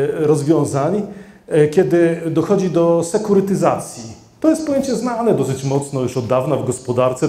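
A man's voice: mid-range voice, dark tone. A middle-aged man giving a conference talk into a handheld microphone, hesitant with many fillers and restarts as he addresses the audience. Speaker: conference speaker. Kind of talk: conference presentation. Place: conference hall with seated audience. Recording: roomy hall echo.

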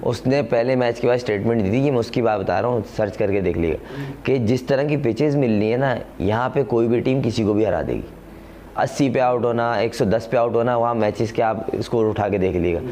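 A man's voice: medium pitch, a little fast, dark tone, slight background noise. A man from Pakistan, a cricketer, defending himself at length in an interview. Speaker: cricketer guest. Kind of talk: interview answers.

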